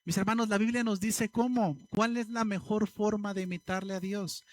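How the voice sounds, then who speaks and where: A man preaching a sermon as pastor, posing rhetorical questions to the congregation and slowing down to stress scripture. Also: sits high, fairly even intonation.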